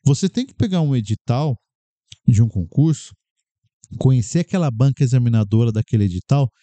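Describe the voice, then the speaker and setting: A man's voice: medium pitch, animated, a little fast, mellow, dry recording. A man from Brazil hosting a podcast, talking casually and animatedly to viewers with many rhetorical questions. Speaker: podcast host. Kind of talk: casual talk to camera about exam study.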